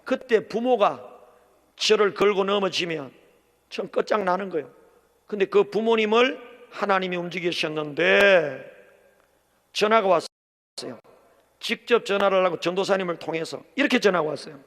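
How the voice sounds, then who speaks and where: A middle-aged man preaching a sermon as pastor, telling a story with swings from shouting to hushed speech. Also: sits high, animated, moderate pace, long pauses. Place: large church hall. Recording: long church hall reverb.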